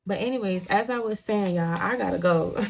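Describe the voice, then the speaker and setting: A young woman with a creaky, darkish voice of medium pitch gives a casual tarot reading at normal speed. She has a Haitian Creole accent, speaks Creole natively, and comes from a Haitian home. Her talk is blunt and profane, laced with "you know what I'm saying."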